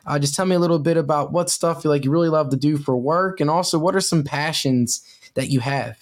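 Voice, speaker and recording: A man's voice: a little high, fairly quick. A man hosting a spiritual podcast over a video call, with an eager, upbeat manner, often repeating words and restarting sentences. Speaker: podcast host. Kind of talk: upbeat podcast intro and interview.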